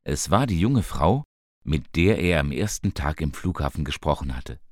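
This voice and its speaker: Man, storybook narrator, very deep voice, slow calm reading, dry close recording. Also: dry recording. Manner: calm, slow, lifts pitch for quoted characters.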